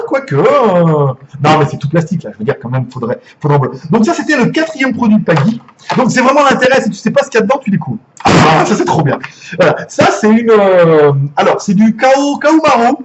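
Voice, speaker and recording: A man with a French accent and a high voice unboxes gadgets live as a reviewer, chatty and jokey and swearing casually. The recording is muffled, with slight background noise.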